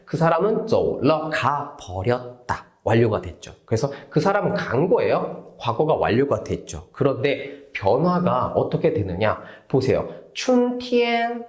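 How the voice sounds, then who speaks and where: A man's voice: medium pitch, unhurried, few pauses, echoey room. A man speaking, teaching a lecture-style lesson, asking questions and answering them himself, acting out example phrases. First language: Korean. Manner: lively, asks and answers his own questions, acts out example phrases. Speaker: Chinese language teacher.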